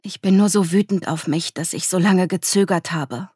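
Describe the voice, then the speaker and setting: A woman's voice: on the low side, steady tone, moderate pace, a little mellow, slightly rough, no room sound, clean studio sound. A woman putting on a shaken, tearful runaway. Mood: anxious, tearful. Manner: choked, tearful, anxious. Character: distressed young woman fleeing abuse.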